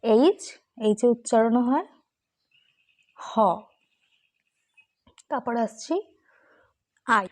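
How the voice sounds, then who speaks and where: A woman leads a phonics lesson, drawing out each letter sound as she models it. She speaks slowly and deliberately, in a somewhat high voice. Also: darkish tone. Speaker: teacher.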